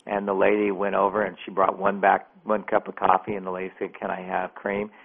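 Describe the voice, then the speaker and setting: A man calling in as a radio guest, an animated, casual storyteller. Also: deep voice, fast talker, vocal fry, slightly rough. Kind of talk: phone-in interview storytelling. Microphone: telephone. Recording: tinny phone line.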